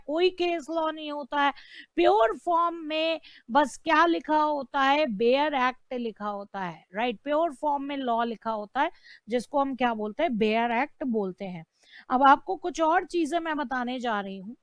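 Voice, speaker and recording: Female law teacher, high voice, slow deliberate delivery, dry close sound; quizzes students with rhetorical questions. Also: no echo. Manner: asks rhetorical questions and repeats key terms. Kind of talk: online lecture.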